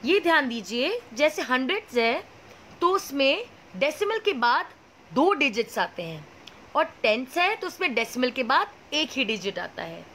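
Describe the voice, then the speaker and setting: Lively high-voiced woman teaching maths. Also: a little hiss or hum, poor audio. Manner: asks questions and answers them herself; slow, clear explaining with many checks like "okay?". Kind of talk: classroom lesson.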